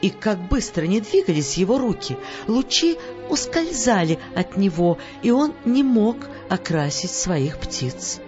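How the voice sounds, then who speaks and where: A woman reading a story aloud as an audiobook narrator, measured, letting phrases fall at their ends. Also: medium pitch, very animated. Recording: dull audio with faint music.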